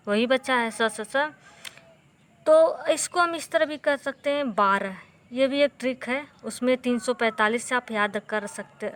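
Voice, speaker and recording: Slow, patient woman teaching grammar. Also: on the high side, fairly bright tone. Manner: slow and patient, repeating key terms and drilling letters aloud. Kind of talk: Hindi grammar lesson for exam students.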